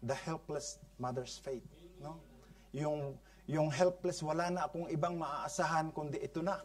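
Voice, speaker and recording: Before a church congregation, a male pastor with a Filipino accent preaches unhurriedly in a steady tone, switching between Tagalog and English. He keeps prompting the crowd with "no?" and "Amen?", growing loud for emphasis and then falling back to soft, low phrases.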